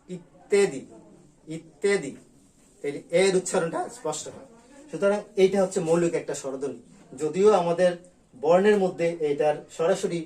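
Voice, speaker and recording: A male teacher teaches an online grammar class. His voice sits a little high, and he repeats each vowel sound slowly so students can drill it. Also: mellow. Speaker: school teacher.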